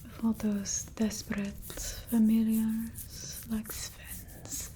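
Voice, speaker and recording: Here the vampire mistress turns soothing and protective as she tends her human familiar, bossy but doting, in a soft, breathy ASMR voice that slips into whispers. The woman speaks slowly and haltingly, slightly high in pitch, with a completely flat, matter-of-fact delivery that gently scolds.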